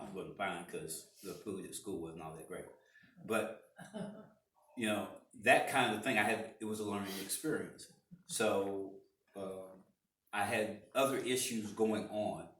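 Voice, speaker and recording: A man's voice: deep voice, a bit bright. A man in his sixties telling stories in a rambling way, with many restarts and fillers, during a church interview. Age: 60s. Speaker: interviewee, parishioner. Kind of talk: casual interview storytelling. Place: church room. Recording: echoey room, far from mic.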